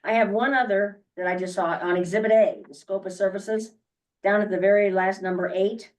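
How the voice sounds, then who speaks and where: Halting woman questioning from afar. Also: mid-range voice, fairly even intonation. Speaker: board member. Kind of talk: public board meeting discussion. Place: meeting room. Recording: distant meeting-room mic.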